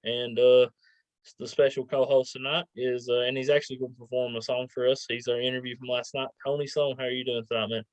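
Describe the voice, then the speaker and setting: A man's voice: medium pitch, level tone, fast, dry recording, muffled recording. A man hosting a casual interview in an informal way, stumbling over his words. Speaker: talk show host.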